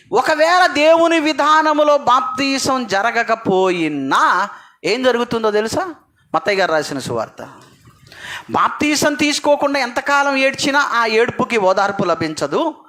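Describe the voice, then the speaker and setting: Male preacher, very high voice, bright tone, quizzes the congregation, repeats lines. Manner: questions the congregation and repeats phrases for emphasis. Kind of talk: sermon.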